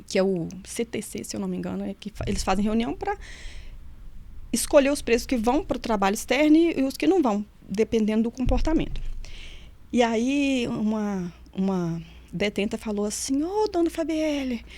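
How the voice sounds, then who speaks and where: A middle-aged woman tells her memories as an interview guest, in a fairly high voice. She is a vivid storyteller who acts out the people she quotes. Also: expressive, a little fast, a little mellow. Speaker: nutritionist and former prison officer, guest.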